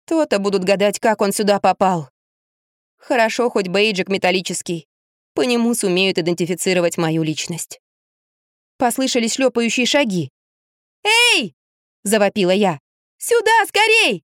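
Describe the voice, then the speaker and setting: A woman reading a first-person story aloud in an expressive, lively storytelling manner. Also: mid-range voice, normal speed, no echo, clean studio sound. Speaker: narrator.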